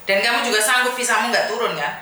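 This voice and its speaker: A woman's voice: on the high side, quick pace, pushed and bright, echoey room, slight background noise. A woman host who gives firm, repetitive advice to a caller in a call-in chat. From Indonesia. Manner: firm, repeats herself, calls the caller "sayang".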